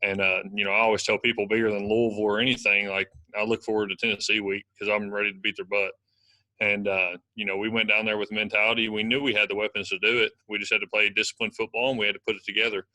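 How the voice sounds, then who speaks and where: A young man answers press questions at a brisk clip, piling on "you know" and "uh" as he goes. His voice is bright and tense, with a flat, steady pitch. The recording is dry and close. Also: dry recording, poor audio. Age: young adult. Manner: fast, filler-heavy talk with many "you know"s. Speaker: college football offensive lineman.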